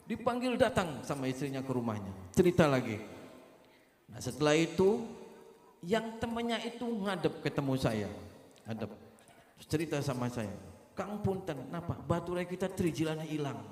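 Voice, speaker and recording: A man's voice: fairly high pitch, moderate pace, long pauses. A man preaching a comic village sermon, telling a story and acting out the dialogue. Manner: animated storyteller acting out dialogue, addressing mothers. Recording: echoey hall with long reverb.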